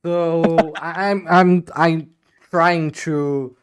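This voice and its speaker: A man's voice: on the high side, fairly even intonation, extremely slow, smooth, no room sound. Brazilian accent guy hosting a chatty podcast, keeps going uh and laughing, pretty dry sound. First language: Portuguese. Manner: hesitant, many fillers, laughs often. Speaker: podcast host. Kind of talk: casual video-call interview.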